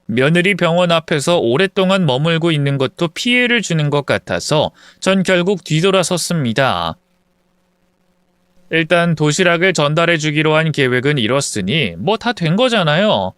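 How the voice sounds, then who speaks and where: A man's voice: on the high side, big pitch swings, normal speed, a bit bright, clean tone, no echo, clean studio sound. A man narrating a first-person story in a confiding, conversational retelling.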